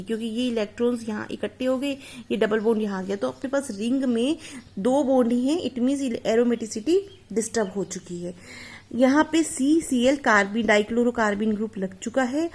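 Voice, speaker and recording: A woman's voice: fairly high pitch, a little mellow. Woman teaching chemistry, step by step. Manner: explains step by step, often addresses students directly. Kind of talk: classroom lecture.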